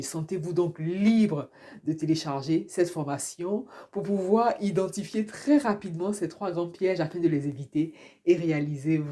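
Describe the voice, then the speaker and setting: With a deep, warm voice, a middle-aged Ivorian woman from Abidjan gives a motivational coaching talk. She works as a personal development coach and podcast host, and her approach is didactic, with key points repeated for emphasis.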